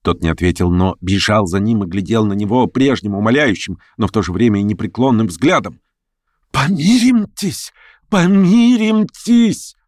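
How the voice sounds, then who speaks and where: A man's voice: on the low side, brisk, hardly any pauses, dry recording. Man reading a novel aloud, dry sound. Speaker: audiobook narrator. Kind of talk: scripted literary narration.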